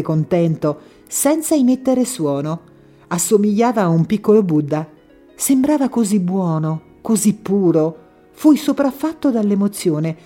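A woman narrating a first-person audiobook with an emotive, expressive delivery. Her tone is mellow and warm at a middling pitch. Faint music sits low behind her voice.

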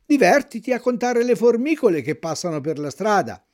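A man voicing an unhurried, placid snail who speaks slowly and calmly. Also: sits high. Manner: slow, placid, drawn-out. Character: slow, calm old snail, unhurried.

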